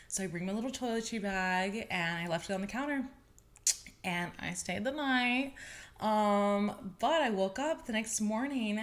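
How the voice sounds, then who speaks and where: A woman in her twenties hosting her own podcast, telling stories in a chatty, animated way with bits of laughter. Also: medium pitch. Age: 20s. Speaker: podcast host. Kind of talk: casual podcast monologue.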